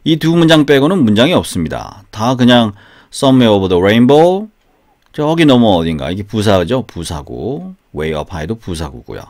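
A man's voice: on the low side, sing-song, a little slow, a little mellow. A man teaching English in a casual, chatty way, often asking rhetorical questions and repeating phrases. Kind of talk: casual spoken English lesson with sung examples. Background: guitar.

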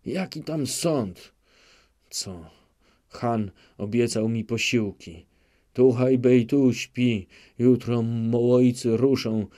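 Male narrator's take on a drunken Cossack chief: slurred, muttering, low and unhurried. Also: warm tone. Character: drunken brooding Cossack leader, middle-aged man. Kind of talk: audiobook character reading.

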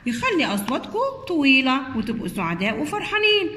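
A woman's voice: sits high, big pitch swings, quick pace, pushed and bright, slight background noise, exaggerated voice. A woman voicing a kindly male superhero in a children's story, speaking in a reassuring, promising manner. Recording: echoey room.

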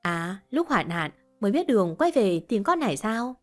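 A woman's voice: medium pitch, sing-song, normal speed, soft background music, lightly acted. A woman voicing a spiteful, scornful young wife. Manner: mocking, scornful.

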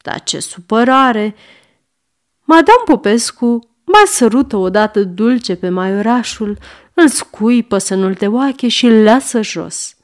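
A woman narrates a classic short story for an audiobook. Her reading is measured and expressive, and her voice sits a little high.

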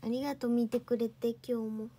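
A woman's voice: on the high side, steady tone, a little fast, dark tone, slight background noise. A young woman hosting a casual livestream, chatting and answering viewer comments. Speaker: idol livestream host.

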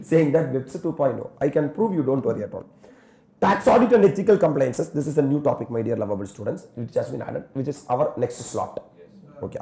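A man's voice: mid-range voice, dark tone. A man in his thirties with a South Indian Tamil accent, teaching like an exam coach in an exhortatory way, often addressing his students directly. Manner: exhortatory, with repeated "sir" and stock addresses to students. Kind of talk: animated classroom lecture, switching between languages. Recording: roomy classroom echo.

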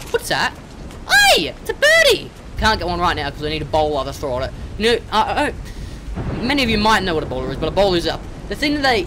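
A host giving let's-play game commentary, excitable, scolding and coaxing the animals on screen, recorded at a desk mic. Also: medium pitch, noisy background. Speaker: gaming channel host. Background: game music.

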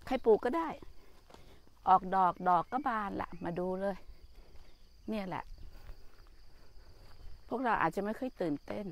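An older woman, a Buddhist nun, giving a gentle, motherly talk about nature and mindfulness while walking outdoors. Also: medium pitch, lively intonation, measured pace, pauses often. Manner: gentle, motherly, speaks to listeners as children. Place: outdoors in a garden with trees.

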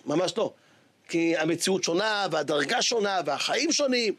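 A male rabbi delivering a sermon as a dramatic story, exclaiming and sometimes shouting for emphasis. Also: sits high, expressive, husky.

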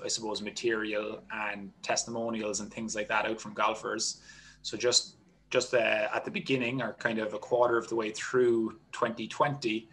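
Talking through a headset on a video call, a golf strength coach from Ireland, in his thirties, describes his work in a lowish voice. He keeps a steady explanatory flow full of "kind of," and the audio from his small home room is low quality.

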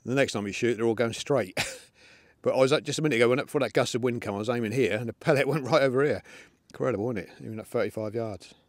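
Talking fast in a mid-range voice with no echo, a middle-aged man from England chats casually while shooting an air rifle in a windy field and addressing his dogs. He's filmed on a tripod camera, later held by hand.

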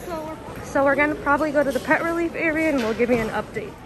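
This pet vlogger talks quickly in a high-pitched voice while a crowd murmurs behind her. Filming on a handheld phone in transit through an airport and rental car, she chats casually, leans heavily on fillers, and coos at her cats over noisy audio.

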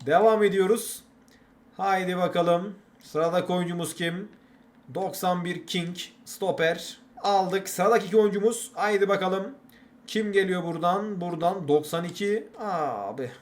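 High-voiced young man commentating a game. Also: a little slow. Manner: exasperated, chatty, keeps repeating catchphrases. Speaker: gaming channel host.

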